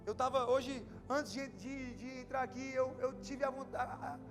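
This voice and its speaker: A young Brazilian man with a Brazilian Portuguese accent, preaching an impassioned sermon that builds to shouts. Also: extremely high pitch, level tone, a little slow. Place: church hall. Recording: live church hall with reverb and keyboard music.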